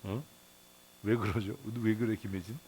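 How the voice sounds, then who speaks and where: A male pastor preaching a Bible devotional in a blunt, colloquial way, firing rhetorical questions, muttering curses and chuckling, his pitch jumping up at times. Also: steady tone, moderate pace, darkish tone, a little hiss or hum. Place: church.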